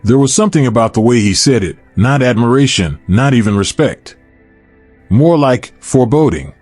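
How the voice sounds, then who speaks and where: A man's voice: medium pitch, expressive, normal speed, darkish tone, no room sound. A man narrating a scripted sci-fi story with a wry, sardonic delivery. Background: faint background music.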